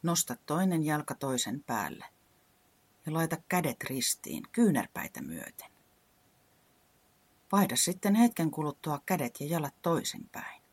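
Low, husky-voiced woman as storyteller, animated delivery for a children's action tale. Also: long pauses, no room sound. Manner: animated, guiding kids through movements.

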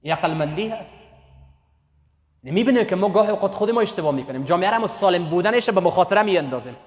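High-voiced preacher in echoey hall. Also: male voice, lively intonation. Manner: emphatic, repetitive, voice rising on key points. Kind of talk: sermon. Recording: echoey hall with long reverb.

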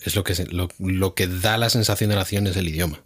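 A man's voice: low voice, steady tone, brisk. A man from Spain co-hosting a casual chat, explaining at length with hesitations and fillers. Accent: Spanish from Spain. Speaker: co-host.

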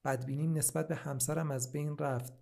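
A man voicing a troubled, ashamed male patient in a read-aloud story, speaking quietly and shakily. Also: a little high, steady tone, creaky. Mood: pained. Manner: quiet, shaky voice. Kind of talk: storybook reading.

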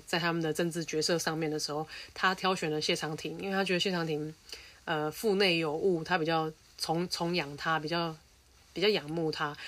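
Woman, lowish voice, casual commentary, sarcastic, animated. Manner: animated, sarcastic, rants with emphatic asides. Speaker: commentary vlogger.

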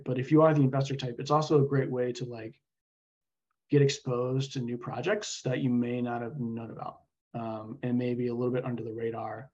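A man speaking informally as an interview guest, halting and thinking aloud as he explains his views. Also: mid-range voice, a little mellow, husky, lo-fi sound. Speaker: podcast guest, software engineer. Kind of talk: casual interview conversation.

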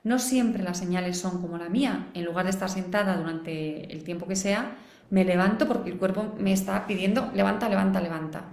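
Woman, live online class, explanatory, acts out quotes, mid-pitched, echoey room. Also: moderate pace, darkish tone. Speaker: parenting educator.

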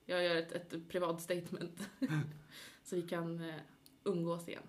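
A woman's voice: lowish voice, completely flat delivery, slight background noise. A woman with a Stockholm accent chatting casually and jokingly as a podcast co-host.

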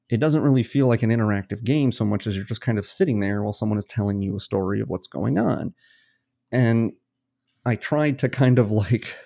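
A man with a mellow, medium-pitched voice co-hosts a podcast in the role of game master, talking into a studio microphone. He rambles casually through his ideas, illustrating them with plenty of worked examples.

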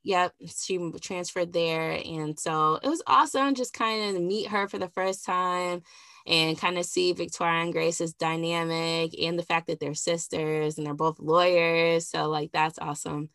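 A woman's voice: fairly low pitch, steady tone, a little slow, a bit bright, no echo, studio quality. A woman hosting a podcast, introducing guests in a rambling way with many fillers. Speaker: podcast host. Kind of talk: casual podcast chat.

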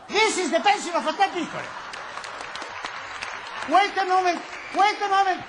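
Guy playing a goofy shouty teacher, high voice, slow drawl, live crowd laughing, noisy. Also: full character voice. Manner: wordplay, mock pronunciation drills, shouting bursts. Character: absurd male English teacher, manic and playful. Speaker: comic stage actor. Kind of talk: live stage comedy sketch. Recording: live show, audience laughter and noise.

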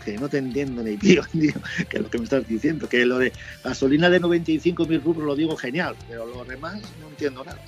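A man from Spain chatting casually and telling lively stories about his motorcycle trip. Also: mid-range voice, fast, few pauses, soft background music. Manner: lively storyteller, swears casually. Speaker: motorcycle traveler guest. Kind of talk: casual chat.

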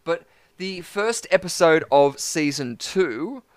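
A man's voice: fairly high pitch, expressive, slow pace. A man hosting a live online quiz in a chatty, rambling way, full of fillers. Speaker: quizmaster.

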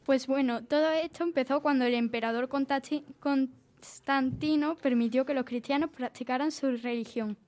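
A woman presenting a short scripted segment on a casual group show, reading facts in a relaxed way. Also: high voice, normal speed.

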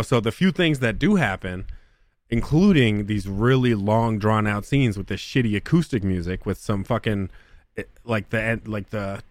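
A man's voice: on the low side, dry recording. A man co-hosting a podcast in casual chat, blunt and opinionated, swearing freely as he reviews a game. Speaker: podcast co-host.

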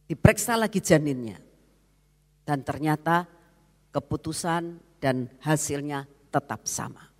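A preacher telling a moving story to the congregation during a sermon, speaking with strong emotion and rising to loud exclamations while addressing the listeners directly. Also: medium pitch, a little slow. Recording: long hall reverb.

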